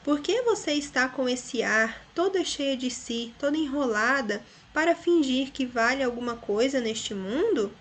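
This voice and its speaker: A woman's voice: high voice, animated, a little slow, few pauses, a little hiss or hum. A woman voicing a proud, scornful female needle in a fable, read aloud like a storybook. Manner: storybook reading of a quoted line.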